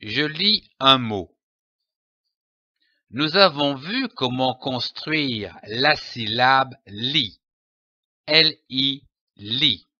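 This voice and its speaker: A man leads a slow pronunciation lesson, sounding out each letter and syllable with great care. His voice is bright and swings widely in pitch. The close voice-over is dry, with a slightly dull, lo-fi sound. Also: lively intonation, dry recording. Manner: spells out letters and syllables one by one. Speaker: French pronunciation teacher.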